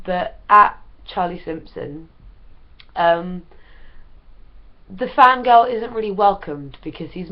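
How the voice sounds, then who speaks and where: A young woman, ill and sounding under the weather, chatting rambling-style to camera at home with lots of ums and likes. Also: lowish voice. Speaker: vlogger. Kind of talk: casual chat to camera. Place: at home, wrapped in a blanket. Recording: dull lo-fi recording.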